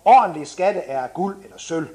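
A man's voice: high-pitched, expressive, warm tone. A man voicing a skeptical boy who grumbles and doubts. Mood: doubtful.

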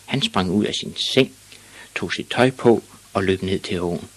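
Give me a deep-voiced man with a husky rasp, narrating a storybook. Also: a bit bright. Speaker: audiobook reader.

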